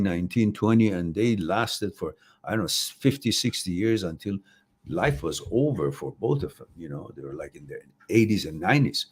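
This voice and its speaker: A man's voice: deep voice, darkish tone. A man hosting a live chat, giving opinionated, rambling advice and reading out viewer questions. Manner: opinionated, rambling, acts out quoted voices. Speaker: host answering viewer questions.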